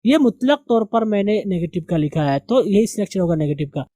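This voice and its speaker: A man teaching English as a classroom lesson, slowly and deliberately drilling the pronunciation of words. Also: sits high, lively intonation, warm tone, no room sound.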